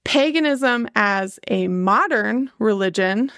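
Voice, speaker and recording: On this clean, echo-free studio track, a Midwestern woman hosts a relaxed podcast chat, full of "like" fillers and laughing. Her voice sits on the high side, animated and fairly bright, and she takes her time.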